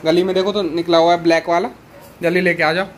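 A man's voice: a little high, flat delivery, fast, a little hiss or hum. A man, chatting casually in a family vlog, teasing and pleading playfully. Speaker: vlogger.

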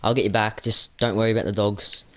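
A young man playing along as co-op partner, teasing, excitable and swearing casually. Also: on the low side, quick pace, a little hiss or hum. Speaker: co-op gaming partner. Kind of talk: casual co-op gaming chat.

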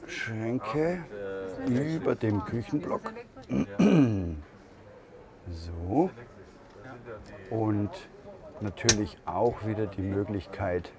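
Male vlogger, low voice, unhurried room-tour delivery, busy fair crowd behind. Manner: slow, thinking aloud with fillers and pauses. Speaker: camper van reviewer. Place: camper van at a busy trade fair hall. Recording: crowd noise of a trade fair. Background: crowd chatter of a fair.

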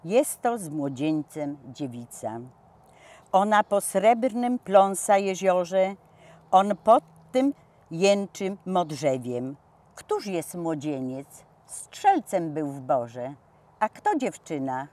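A woman, a local resident, reading a ballad in a calm storytelling manner. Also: fairly low pitch, slow pace. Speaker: resident reader. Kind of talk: poetry narration.

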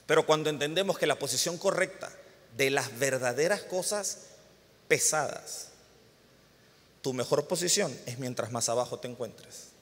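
A man in his thirties preaching a sermon, telling a family story with lively, animated delivery and sudden loud bursts. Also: mid-range voice, moderate pace, long reverb tail. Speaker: pastor. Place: church hall.

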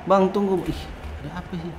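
A man's voice: high-pitched, steady tone, a little fast, noisy background. A man casually commentating a video game while playing with his child, talking to viewers and throwing out playful apologies. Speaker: gaming video host.

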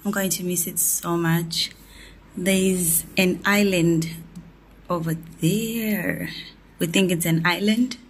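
A woman's voice: on the low side, fairly even intonation, slow. Young southern african lady chatting to her phone vlog style, casual, bit noisy recording. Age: young adult. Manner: chatty, informal. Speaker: vlogger. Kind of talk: casual vlog chat, mixing in Bantu-language words. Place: small hotel room, indoors. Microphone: phone at arm's length.

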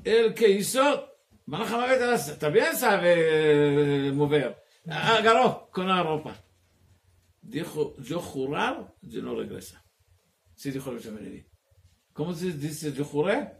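A male rabbi giving a Torah class, talking in a halting way, searching for words and dropping in Hebrew terms. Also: on the high side, expressive. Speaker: rabbi teaching Talmud.

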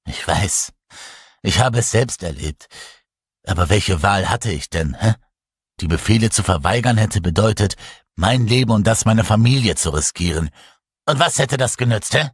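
Brief: a man doing a gruff, defensive Russian soldier pilot in a horror audiobook, loud and combative, husky edge. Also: fairly low pitch, lively intonation, moderate pace, no echo, studio quality. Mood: bitter.

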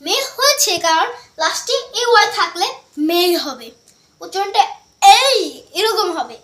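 A woman teaching English pronunciation, spelling out words letter by letter and repeating them slowly. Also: very high-pitched, sing-song, fairly bright tone, reverberant.

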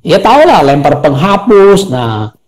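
A middle-aged coach tells stories over a call in an animated, high voice. His pitch leaps up and down whenever he acts out the people he is quoting. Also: slow pace, poor audio. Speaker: guest speaker and coach. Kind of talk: storytelling in a live interview. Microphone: phone or video call.

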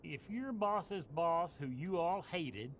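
Lazy scheming deputy in a game, kinda high, faint background hum. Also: male voice, lively intonation, takes it slowly, a bit bright, exaggerated voice. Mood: evasive. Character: lazy, scheming male small-town deputy. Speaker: video game character.

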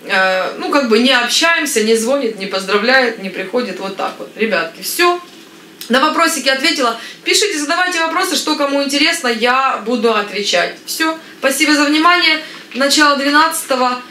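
Chatty bright-voiced woman in her thirties. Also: high-pitched, fairly quick, roomy sound, slight background noise. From Ukraine. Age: 30s. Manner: chatty, lively, gestures with hands. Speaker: family vlogger. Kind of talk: casual chat to camera. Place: living room with floral curtains, indoors.

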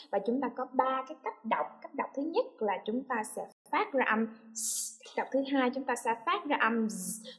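Female teacher, a bit high-pitched, patient and methodical, models sounds for learners to repeat. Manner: patient, checks understanding with repeated questions; drawn-out demonstration sounds, models words slowly. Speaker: English teacher. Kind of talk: classroom lesson explaining pronunciation.

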